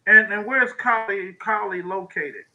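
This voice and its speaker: Man, talk show host, high pitch, very bright tone, halting, repeats words. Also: low-quality recording. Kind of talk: interviewing a guest over video call.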